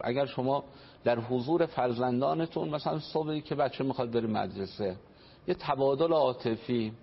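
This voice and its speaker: A man's voice: mid-range voice, vocal fry, husky. A man giving an earnest religious talk on family life as a radio guest, explaining and quoting traditions. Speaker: family counselor. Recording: dull radio broadcast, faint noise.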